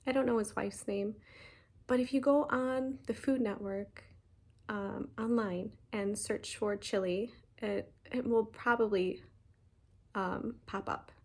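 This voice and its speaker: A woman, chatting casually in a stitching vlog, talking fast and rambling with many ums and restarts. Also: medium pitch, fairly even intonation, a little mellow. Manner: talks fast. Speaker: flosstube host.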